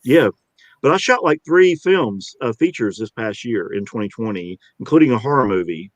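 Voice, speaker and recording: A man's voice: medium pitch, expressive, normal speed, no echo. A middle-aged man, an actor, talking in an interview in a rambling, upbeat way with many restarts. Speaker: actor and guest. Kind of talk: interview conversation.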